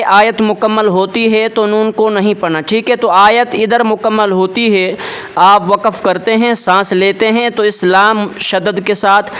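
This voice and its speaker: A man teaching a tajweed lesson, explaining word by word and then reciting verses slowly and drawn out, often checking in with his listeners. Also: sits high, fairly bright tone, clear, resonant tone. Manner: checks in with repeated rhetorical questions.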